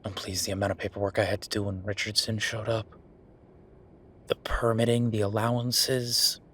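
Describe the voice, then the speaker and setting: A man plays a werewolf official grumbling to his partner in a roleplay audio drama, sounding weary and sardonic with a conversational style and emphatic pauses. His voice is on the low side and fairly bright, delivered flatly and only lightly acted, with slight background noise.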